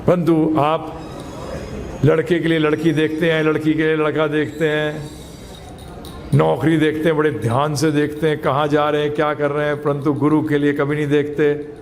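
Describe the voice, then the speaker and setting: A man's voice: fairly high pitch, little pitch movement, moderate pace. Man, spiritual lecture, questions for the listeners, long reverb, faint room noise. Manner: emphatic, quizzes listeners with questions; mixes English phrases into his talk. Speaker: spiritual teacher. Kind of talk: Gita lecture to a live class.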